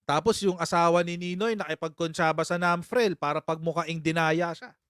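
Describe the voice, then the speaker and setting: A man hosts a casual live-stream commentary in a slightly raised, smooth, resonant voice. He teases and uses sarcasm, slipping into mocking impressions of critics. The sound is dry and close, with no room echo. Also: on the high side, fairly even intonation, moderate pace, a bit bright. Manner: chatty, teasing, breaks into laughter often; sarcastic, mock-impersonates critics. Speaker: political commentary host.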